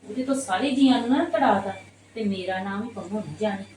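A woman playing a sharp-tongued, complaining stepmother in a Punjabi family skit, arguing and grumbling. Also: mid-range voice, fairly quick. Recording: roomy echo, distant mic, noisy background.

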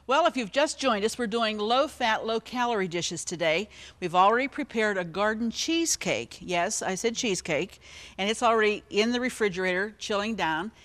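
A woman's voice: mid-range voice, expressive, normal speed, few pauses, fairly bright tone. Woman, TV cooking host, friendly and chatty, walks viewers through each step while she cooks. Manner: chatty and encouraging, talks straight to viewers. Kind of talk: TV cooking demonstration.

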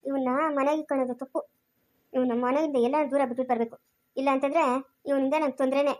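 A woman's voice: high voice, flat delivery, quick pace, mellow, lightly acted. A woman playing a scheming character who mutters plans to get rid of a boy, in a family drama. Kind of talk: amateur family drama acting.

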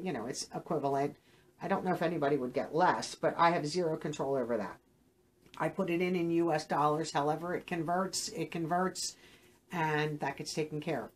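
A woman hosting a beauty unboxing channel, talking straight to camera in a casual, rambling and frank way. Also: on the low side. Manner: chatty, rambling, frank with viewers. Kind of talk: casual direct-to-camera chat.

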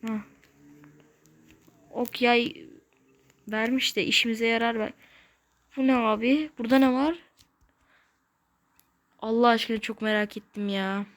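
A woman hosting a gaming channel, giving casual let's-play commentary in short, excitable bursts with slangy exclamations and mild curses. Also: on the high side. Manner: talks to self while playing, short bursts.

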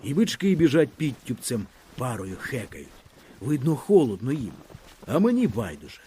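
A man reading a literary story aloud with lively, expressive storytelling in a boy's first-person voice. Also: medium pitch, normal speed, a little hiss or hum. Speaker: audiobook narrator.

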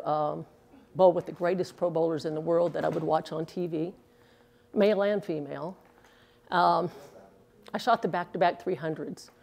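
A former pro bowler in her sixties answers interview questions casually and earnestly, using filler words. Her voice is lowish, gravelly and darkish, captured on a lapel mic indoors at a bowling alley.

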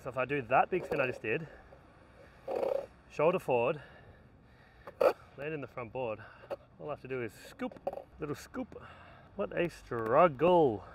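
A man's voice: mid-range voice, expressive, moderate pace, long pauses, a little hiss or hum. A man in his thirties talking to himself between skateboard attempts outdoors, self-coaching and worn out, recorded on a camera set up at a distance. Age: 30s. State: tired and worn out. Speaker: skateboarder vlogger. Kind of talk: casual self-talk while filming. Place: outdoors at a skate spot in strong sun. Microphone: camera mic set up at a distance.

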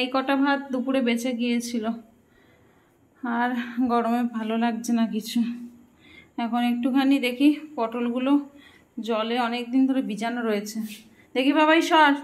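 A young woman chatting casually in a home vlog from her kitchen, complaining about the heat. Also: fairly high pitch. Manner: speaks softly so her sleeping child won't wake. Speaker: vlogger. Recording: echoey room with faint background noise.

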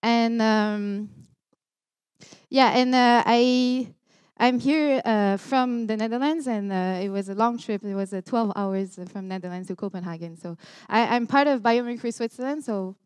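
A young keynote speaker from Montreal, Canada, with a Quebec French accent, her voice a little high, a little mellow, and smooth, speaks in an unhurried way. The earnest conference talk has lots of ums and restarts and is recorded on a headset mic in a large lecture hall.

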